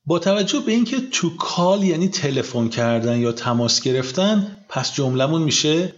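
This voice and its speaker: A man teaching English in a relaxed bilingual lesson, saying example phrases slowly and carefully for his student to repeat. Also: on the high side, lo-fi sound.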